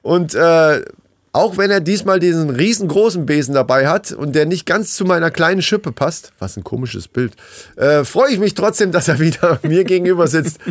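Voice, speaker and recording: A man's voice: fairly high pitch, animated, moderate pace, dry recording, clean studio sound. A man co-hosting a podcast in casual, colloquial, joking banter. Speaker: podcast co-host.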